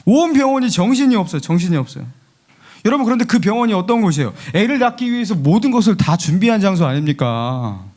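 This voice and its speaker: A male pastor preaches a sermon in a lively storytelling manner. He keeps asking the congregation rhetorical questions. His voice sits notably high for a man. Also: fast.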